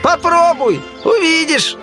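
Storybook egg, male, squeaky and lofty, sing-song delivery; music bed. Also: expressive, slow, long reverb tail, full character voice. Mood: dismissive. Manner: squeaky, rude and boastful, reciting verse. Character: grumpy, haughty egg-shaped male Humpty Dumpty. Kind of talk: audiobook character voice. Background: background music.

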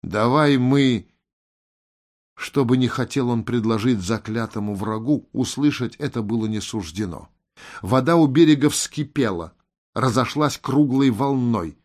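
A man narrating a fantasy audiobook in a steady, dramatic reading. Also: medium pitch, normal speed.

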